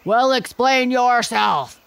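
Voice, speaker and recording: A woman voicing a huge, fierce male gorilla in a storybook, loud, raging and rushed. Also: a little high, vocal fry, clean tone, voice pushed up. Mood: demanding.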